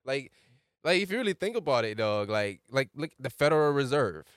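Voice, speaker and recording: A man's voice: medium pitch, very animated, brisk, a bit bright, no room sound, studio quality. Slangy man in his late twenties. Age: late 20s. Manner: loose, rambling, slangy. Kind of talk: casual chat.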